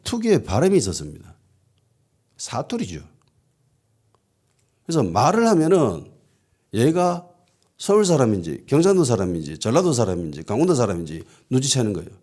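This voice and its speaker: A pastor from the Gyeongsang region of South Korea preaches a sermon in church with a Gyeongsang accent and a mellow mid-range voice. He tells the story using quoted voices and frequent affirming asides.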